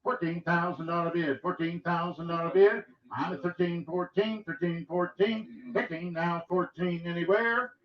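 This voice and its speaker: A man's voice: sits high, steady tone, moderate pace, few pauses, recorded from a distance. A man calling a live auction in an auctioneer's chant, rattling off repeated numbers. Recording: echoey, dull lo-fi room sound.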